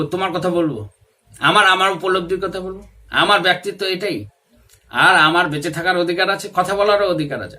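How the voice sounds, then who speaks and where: A man's voice: high voice, pushed and bright. A man, talking in a self-made video monologue, insistent and repetitive, with English phrases mixed in. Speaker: video commentator.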